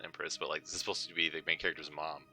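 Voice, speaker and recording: A man's voice: rumbling low, level tone, very fast, sharp tone, soft background music. A man casually commenting on a game he is playing, rambling and repeating words as he thinks aloud. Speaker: let's play host.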